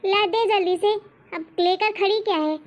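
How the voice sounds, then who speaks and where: A woman's voice: steady tone, normal speed. A woman voicing a harsh, insulting mother-in-law in a cartoon story. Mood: scolding. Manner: shrill and insulting. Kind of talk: cartoon voice acting.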